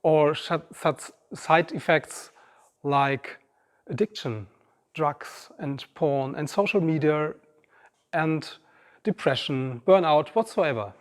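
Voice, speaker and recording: Here a man in his 50s talks slowly, his voice on the high side, as he offers the audience a personal and reflective inspirational talk. He stands on a large auditorium stage, and the recording carries the long reverb of the big hall.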